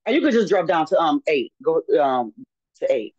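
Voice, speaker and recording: A woman's voice: low voice, sing-song, moderate pace, darkish tone, breathy edge, dry recording. A woman teaching a Bible class on a video call, interjecting and building into fervent preaching. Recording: dull, dry video-call audio.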